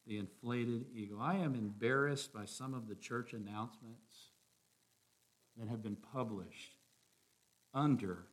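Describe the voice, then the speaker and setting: A man preaching a sermon, reading scripture aloud and commenting on it, swinging from hushed, slow phrases to loud, emphatic peaks. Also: mid-range voice. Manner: reads scripture aloud and adds his own commentary.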